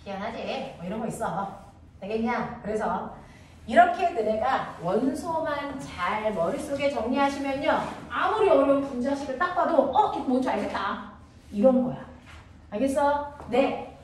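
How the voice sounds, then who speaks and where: A woman with a high voice teaches a science class, firing off playful check questions to her students. She sounds distant from the mic, in a very echoey room. Steady noise runs under the recording. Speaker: middle school science teacher. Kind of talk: classroom lesson with call-and-response questions.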